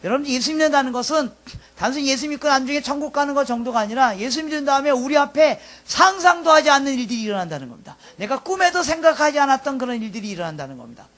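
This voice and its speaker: A pastor in his fifties preaching a sermon, swinging from loud emphatic lines to soft, quiet asides. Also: very high-pitched, lively intonation, rapid-fire. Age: 50s.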